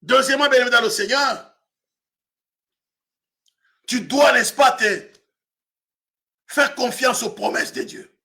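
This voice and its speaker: A man in his fifties, a pastor from Africa, preaching a sermon with frequent shouted emphasis. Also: extremely high pitch, slow pace, pauses often. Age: 50s.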